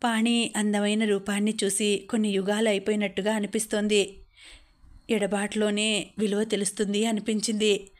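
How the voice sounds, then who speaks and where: Woman reading an audiobook story, steady and even narration. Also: medium pitch. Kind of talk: scripted narration.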